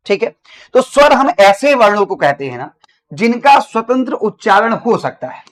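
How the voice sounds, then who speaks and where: A male teacher giving an online grammar lesson. He asks the class questions, answers them himself, and repeats key phrases. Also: sits high. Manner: slows down to dictate notes.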